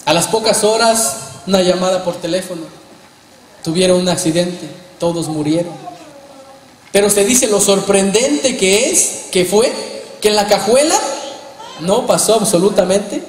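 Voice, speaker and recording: A man's voice: high voice, expressive, measured pace. A man preaching a sermon, asking his congregation rhetorical questions and calling them brothers. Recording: echoey hall, faint background noise.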